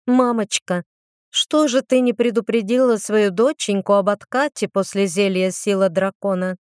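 A woman voicing a spirited young female mage student, lively and a little whiny. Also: mid-range voice, moderate pace, clear, resonant tone, no room sound, clean studio sound, close to an everyday voice.

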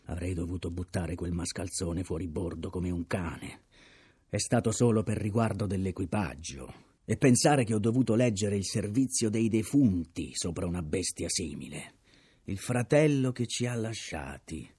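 A man's voice: sits low, normal speed, dark tone, husky. A man voicing a delirious, unhinged first mate who shrieks and jeers. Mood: bitter scorn. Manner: shrieking, jeering.

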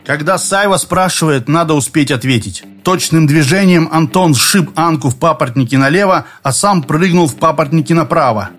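A man narrating an audiobook with steady, even storytelling. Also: a little high, brisk, hardly any pauses.

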